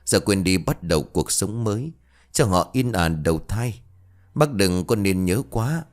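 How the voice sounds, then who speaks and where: A man playing a gentle village exorcist. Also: low voice, animated, a little slow. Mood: consoling. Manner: gentle, consoling, polite. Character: kind young village exorcist, modest and earnest.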